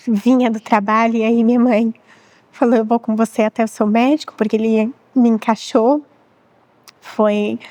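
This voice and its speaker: A Brazilian woman in her thirties shares a painful personal story as an interview guest, speaking in a measured, reflective way and often repeating what she said back then. Her voice is warm and mellow, and the recording is dry and close. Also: a little high, no room sound. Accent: Brazilian Portuguese. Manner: measured, reflective, often quoting her own past words. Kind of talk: emotional personal testimony.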